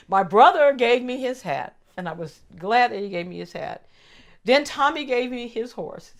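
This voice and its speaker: An older woman with a slightly low voice tells family stories in an interview. She speaks in a relaxed, conversational way. When she quotes other people, she slips into their voices with animated delivery. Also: vocal fry. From California. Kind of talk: storytelling interview.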